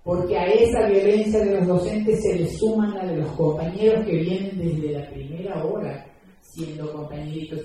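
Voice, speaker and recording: Woman, mellow voice, emphatic speaker at a talk, miked from afar. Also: fairly low pitch, moderate pace. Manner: earnest, emphatic, explains with examples and rhetorical questions. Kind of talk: public talk to an audience. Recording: echoey room, distant mic.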